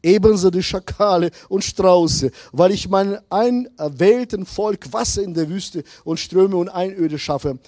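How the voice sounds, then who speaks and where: A middle-aged man preaching a sermon as pastor, slow and emphatic, swinging between loud appeals and hushed asides. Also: high-pitched, dry recording, studio quality.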